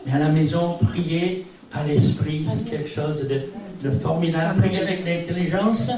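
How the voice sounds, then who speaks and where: A visiting preacher, an older man whose native language is English, delivers a sermon at normal speed in a voice pitched a little high. Wandering from point to point, he drops in "eh bien" and "hein," small asides, and gentle jokes at his own expense. Faint hiss and heavy hall echo surround his distant voice.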